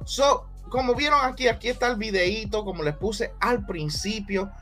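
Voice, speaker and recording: Lively boxing vlogger. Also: male voice, sits high, moderate pace, faint music behind. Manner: lively, hype, repeats catchphrases. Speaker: boxing commentary host. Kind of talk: casual commentary vlog.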